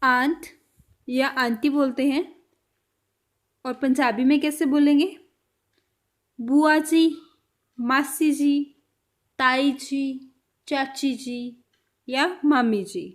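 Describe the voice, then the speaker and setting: A woman teaching a vocabulary lesson, slowly repeating each word with care. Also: high-pitched, steady tone. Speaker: language teacher.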